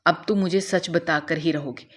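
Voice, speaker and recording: A woman's voice: on the low side, fairly even intonation, lightly acted. A woman voicing a stern, worried older mother who scolds her daughter in a storybook narration. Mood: scolding. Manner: scolding, urgent.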